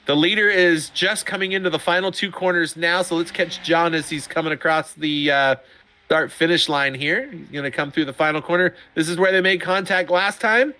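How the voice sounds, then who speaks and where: A middle-aged man giving chatty, excitable sim racing commentary, often laughing. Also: fairly high pitch. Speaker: race commentator.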